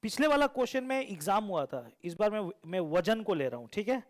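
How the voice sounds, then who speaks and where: A man with a fairly high voice, teaching math in a classroom. He keeps firing the same questions back at the students and teases them as he goes. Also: big pitch swings, brisk. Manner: teasing, asks the class repeated questions. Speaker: coaching teacher.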